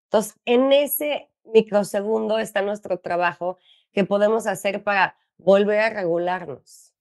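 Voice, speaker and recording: A middle-aged woman with a Mexican accent talks through her ideas in an interview. She explains with patient earnestness, often asking a question and then answering it herself. Her pitch sits in the middle of the usual range for a woman. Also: measured pace, darkish tone. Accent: Mexican Spanish. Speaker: ADHD coach for parents.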